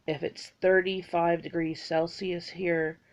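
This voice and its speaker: A woman's voice: on the low side, little pitch movement, slow pace, highs cut off. A woman, chatting casually through a list of facts about herself and rambling with fillers. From Bahamas. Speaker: vlogger.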